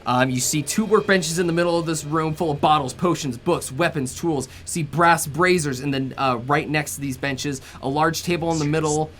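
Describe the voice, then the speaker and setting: A man's voice: a little high, moderate pace, few pauses, a bit bright, slight background noise. A man narrating a tabletop game as game master, rambling with many fillers.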